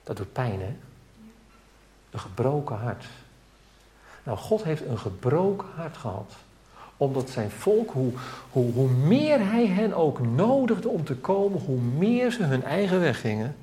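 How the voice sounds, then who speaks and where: A man's voice: a little high, sing-song, unhurried, warm tone. A man preaching a sermon, earnest and pleading, building to emphatic calls.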